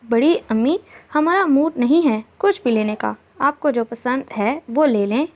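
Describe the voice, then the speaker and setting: A woman's voice: high-pitched, expressive, a little slow. A woman voicing a listless, sulky young woman in a storybook reading. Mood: weary. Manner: weary, indifferent. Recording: dull lo-fi recording.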